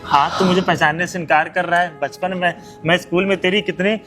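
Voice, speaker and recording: A man's voice: sits high, fairly even intonation, fairly quick, music in the background, natural voice. A man playing a poor, pleading old friend. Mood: humble. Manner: pleading, heartfelt. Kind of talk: amateur skit acting.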